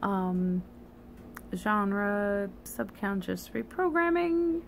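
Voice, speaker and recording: A sleepy woman talks through a personal, meandering monologue at an unhurried, halting pace. Her voice is creaky and a little slurred, as a retainer sits in her mouth. Faint noise sits behind her. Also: medium pitch, big pitch swings. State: tired, sleepy. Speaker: vlogger. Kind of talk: rambling confessional monologue.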